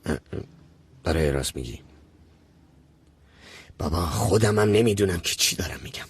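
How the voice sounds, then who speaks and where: An actor playing a scheming, desperate uncle in debt who rambles and pushes others, in a dubbed TV drama. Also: male voice, low-pitched, expressive, slightly rough, no echo, full character voice. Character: scheming, desperate middle-aged man. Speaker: uncle in debt chasing an inheritance.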